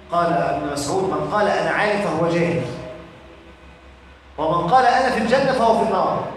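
A man's voice: high-pitched, fairly bright tone, a little hiss or hum. A man with an Egyptian accent giving an emphatic religious lesson, putting questions to his listeners and answering them himself. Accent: Egyptian Arabic. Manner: emphatic, with a colloquial preaching delivery. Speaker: religious teacher. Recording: echoey hall from far off.

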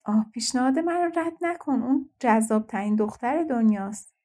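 A woman voicing a frightened, desperate queen in a fairy-tale audiobook, raising her voice high. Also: mellow, close to an everyday voice. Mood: pleading. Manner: pleading, anxious.

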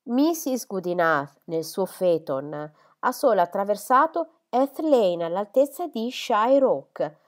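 A woman's voice: medium pitch, big pitch swings, slow, few pauses. A woman voicing a stern, disapproving older spinster who speaks in an admonishing, authoritative way.

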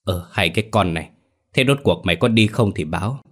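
A stubborn old grandmother in a spoken ghost story, fretful and insistent, as a male narrator reads her in his own deep voice. Her worry sits close to the surface and she presses her questions. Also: normal speed, close to an everyday voice. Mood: anxious. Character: anxious elderly village grandmother, stubborn.

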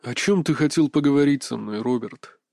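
A man voicing a calm, resolute male commander in a measured, mild but firm tone. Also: medium pitch, vocal fry, no echo, clean studio sound.

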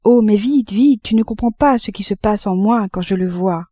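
A woman's voice: medium pitch, moderate pace, dark tone, no echo, natural voice. A woman voicing a middle-aged mother who pleads with her son in anguish and fear, her words breaking with emotion. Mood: panicked.

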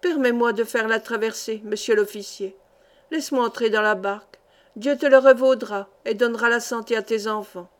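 A woman's voice: fairly high pitch, normal speed, lightly acted. A woman reading aloud voices a desperate sixty-year-old peasant grandmother who pleads breathlessly for passage in a storybook. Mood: pleading.

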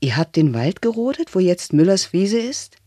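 A man's voice: sits high, sing-song, moderate pace, warm tone, no room sound, studio quality, pitched above the performer's own voice. A man voicing a small boy who eagerly asks his father questions, in an audiobook reading. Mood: curious.

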